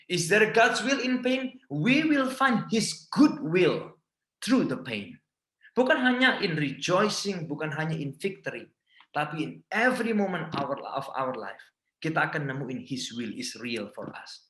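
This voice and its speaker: Bright Indonesian pastor in an echoey hall. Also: male voice, on the high side, big pitch swings, unhurried. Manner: switches often between Indonesian and English phrases; dynamic, swings from loud emphatic lines to hushed quiet ones. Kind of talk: sermon. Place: large church hall.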